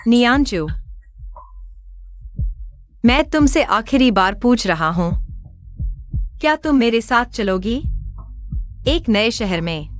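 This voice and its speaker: A woman voicing a calm, resolute young wife in a drama dub, measured in speech. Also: on the high side, highs cut off, faint music behind. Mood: gentle.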